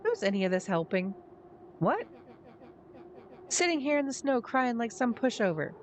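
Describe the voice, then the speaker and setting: A brash, mischievous young boy from a video game, acted out by a woman. He talks tough and slangy with a cocky, rough edge. The voice sits on the high side, with some noise in the background. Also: big pitch swings, moderate pace. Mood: cocky, goading.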